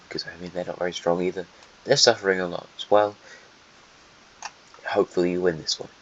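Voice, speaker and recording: Hosting a map simulation, this man rambles and aims sarcastic remarks at countries in a stuffy, snotty voice. His pitch is fairly low and slightly bright, and the dull lo-fi mic adds a faint hiss.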